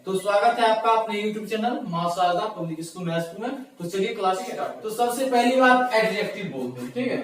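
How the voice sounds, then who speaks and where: A man with a high voice teaches a grammar lesson in a very echoey room. He explains patiently, repeats key words and asks himself questions. The mic sits well away from him. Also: animated, a little fast, few pauses, a bit bright, recorded from a distance. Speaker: English teacher. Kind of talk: classroom-style grammar lesson.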